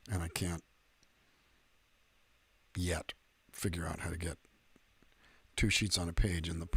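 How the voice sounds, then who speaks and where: A man's voice: deep voice, pushed and bright, husky. A middle-aged man, a singer-songwriter hosting a livestream, chatting casually in a rambling, self-deprecating, joking way.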